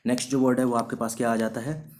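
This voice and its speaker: A man's voice: mid-range voice, little pitch movement, a little mellow. A man teaching English vocabulary in a recorded video lesson. He explains each word step by step, asks questions and answers them himself, and mixes English terms into his Hindi explanations. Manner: slows down sharply to read out example sentences.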